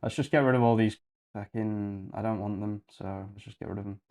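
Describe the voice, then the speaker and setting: Hosting a coding livestream, this young Yorkshireman rambles casually, thinking out loud while he clicks about. He speaks a little fast in a lowish, steady voice that's slightly mellow.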